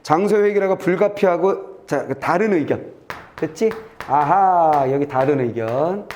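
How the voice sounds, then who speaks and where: A male Korean exam-prep teacher walking students through a test passage, reading lines aloud and checking in with quick asides that trail off low. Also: lively intonation, a little mellow, a little hiss or hum. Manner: brisk and chatty, reads aloud then checks "됐지?" and trails off low.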